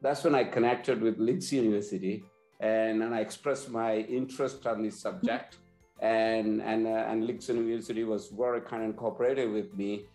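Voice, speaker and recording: A man's voice: lowish voice, steady tone, moderate pace, mellow, reverberant, soft background music. A man in his forties from Sri Lanka, an earnest business leader interviewed over a video call, often repeating words as he restarts. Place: indoor office, plain wall. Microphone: video call webcam.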